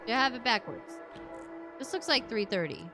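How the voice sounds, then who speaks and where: Playful woman streamer, slightly high voice. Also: big pitch swings, moderate pace. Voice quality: self-described witchy voice. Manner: playful, rambling, hums and scats to herself. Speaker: game streamer. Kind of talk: casual live-stream chat while playing. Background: background music.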